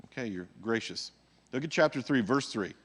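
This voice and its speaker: A man preaching in a church in a relaxed, conversational way. He often pauses to ask the room if they are following him. His voice sits at a middle pitch. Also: slightly rough. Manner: conversational, checks in with the audience. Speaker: pastor. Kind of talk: sermon.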